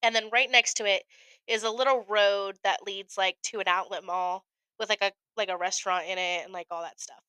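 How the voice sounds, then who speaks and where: Brisk and clear, her mid-range voice has a resonant tone, though the recording is low quality, with no echo. She's a young American podcast co-host telling a story casually, acting out the quotes with lots of animation and plenty of swearing.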